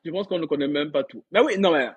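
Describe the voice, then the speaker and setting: A man hosts a casual gossip livestream, reading viewer comments aloud and talking straight to his audience while rambling, repeating words and laughing often. His voice is fairly high, fast and slightly rough, and the recording is muffled.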